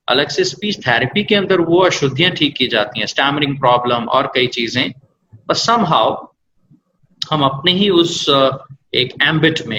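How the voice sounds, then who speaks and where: This English language trainer speaks at a medium pitch against a noisy background. He answers interview questions with patient explanations and examples, slipping English words into his Hindi.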